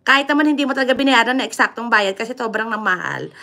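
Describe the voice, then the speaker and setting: Filipina lady hosting a live stream, super bright voice, chatty and laughing a lot. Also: a little high, expressive, very fast. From Philippines. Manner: chatty, mixes Tagalog and English, laughs often. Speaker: livestream host. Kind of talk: casual livestream chat, greeting viewers.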